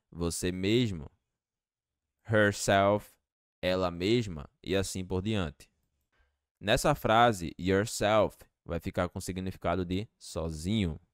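A man teaching English to Portuguese speakers, slowly repeating each phrase with patience. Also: fairly low pitch, no room sound, clean studio sound.

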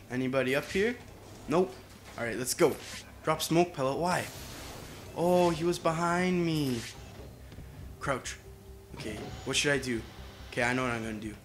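A man's voice: medium pitch, a bit bright, a little hiss or hum. A young man giving casual let's play commentary, playful and boastful, often exclaiming as he plays. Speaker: gamer.

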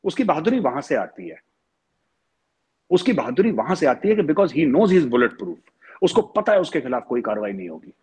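Husky man arguing on a TV debate. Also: on the high side, sing-song, normal speed, darkish tone. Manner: argumentative, switches into English phrases. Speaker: TV debate panelist. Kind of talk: heated TV debate.

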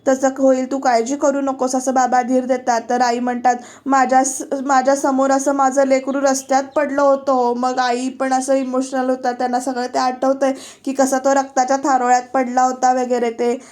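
Female voice-over reviewer: high-pitched, level delivery, steady scene-by-scene retelling of a TV drama. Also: moderate pace. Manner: retells scenes, reading out characters' dialogue. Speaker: serial reviewer. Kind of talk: voice-over recap of a TV serial.

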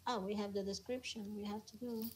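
A woman student working through accounting entries, speaking hesitantly with halting phrasing. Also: medium pitch, fairly even intonation, low-quality recording. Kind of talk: casual one-on-one tutoring.

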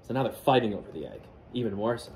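An American teacher in his forties reads a picture book to his indoor classroom, fast and expressive, pausing for explanatory asides. A camera or phone a short way off catches his mid-range, darkish voice in a rough recording with a little hiss or hum.

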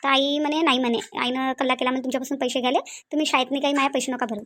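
A woman plays a young cartoon bride-to-be with a Varhadi Marathi accent, chatty and quick on the phone. Her voice runs high as she explains at length. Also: level tone, fairly bright tone, a little hiss or hum. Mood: explaining. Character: young bride-to-be college girl. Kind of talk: cartoon voice acting.

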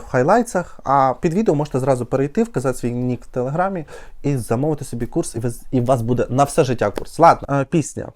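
A man's voice: medium pitch, a little hiss or hum. A Ukrainian man hosts a casual reaction vlog as a music critic. He rambles, chats freely and slips sarcastic asides into his commentary.

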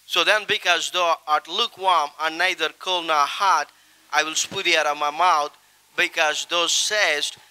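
Man reciting scripture from memory, middle-aged, very bright and clear voice, fairly high pitch, handheld mic on stage. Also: poor audio. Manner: solemn, declamatory, emphatic rises. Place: stage with curtains, seated. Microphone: handheld microphone.

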